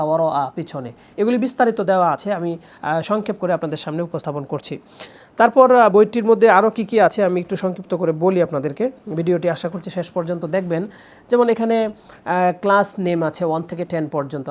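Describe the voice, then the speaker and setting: A young woman presents her own book in a promotional talk, explaining step by step with frequent drawn-out pauses. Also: on the low side, darkish tone.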